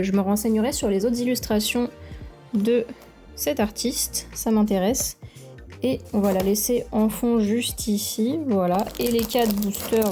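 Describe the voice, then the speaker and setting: A young woman who makes card-opening videos chats excitedly while tearing into trading card packs, praising every card she pulls. Her voice is fairly high in pitch with a dark tone, and faint music plays in the background.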